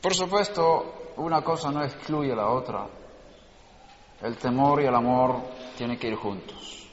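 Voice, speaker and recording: In an echoey hall, a man teaches Torah, laying out explanations and asking his students rhetorical questions. He speaks at medium pitch without hurrying, and the dull, lo-fi recording carries some hiss or hum.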